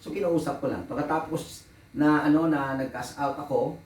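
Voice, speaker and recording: A man's voice: on the high side, fairly even intonation, moderate pace, a little mellow. A man preaching a sermon as pastor, telling stories and mixing Tagalog and English, often laughing at his own anecdotes. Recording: echoey room, voice from a distance.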